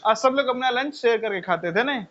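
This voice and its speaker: Male teacher, high and bright, chatty lecture, muffled lo-fi recording. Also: lively intonation, fairly quick, slight background noise. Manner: conversational, rhetorical questions, repeats phrases. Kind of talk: lecture with personal stories. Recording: dull lo-fi sound.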